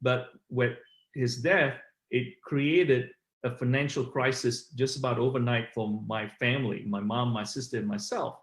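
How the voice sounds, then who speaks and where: A middle-aged Malaysian man, an author appearing as an interview guest, tells his story in a conversational interview. His medium-pitched voice has fairly even intonation and a slightly slow pace, the recording sounds roomy, and he rambles with lots of fillers.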